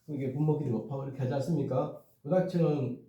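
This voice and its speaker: A man's voice: medium pitch, rapid-fire, mellow. A man tutoring math in a casual, rambling way, often checking in with his listeners and poking fun at himself. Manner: rambling, self-deprecating, repeats "이렇게" and "그죠?". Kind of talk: casual explanatory lesson. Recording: echoey, dull, distant mic.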